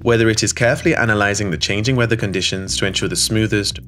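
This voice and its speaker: A man with a slightly low voice narrates a scripted promo in an even, polished studio read. Soft music plays quietly behind him. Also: quick pace. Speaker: voice-over narrator. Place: studio voice-over. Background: soft background music.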